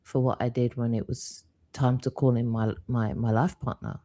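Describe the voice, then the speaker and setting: A man's voice: medium pitch, level tone, normal speed, mellow. A man co-hosting a spiritual live talk, telling a candid personal story with quoted asides. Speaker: co-host.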